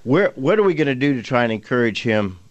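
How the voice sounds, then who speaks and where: An older man hosts a call-in radio show about home repairs. He talks slowly, drawing words out and restarting his sentences. His voice sits dry and close to the mic. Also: mid-range voice, sing-song, no room sound, muffled recording.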